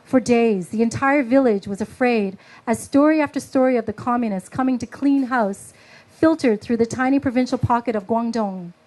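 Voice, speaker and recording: A woman author slowly reading her own prose at a book launch, after a halting, filler-filled introduction. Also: fairly high pitch, a little mellow, low-quality recording. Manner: halting, filler-heavy speech between readings; slow, measured literary reading.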